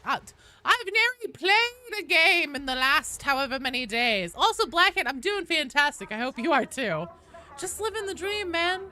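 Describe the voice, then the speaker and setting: A woman with a high, pushed, bright voice livestreams a game and chats casually with viewers, reading their comments aloud and answering them. She swears freely and reacts playfully, and there's no room sound.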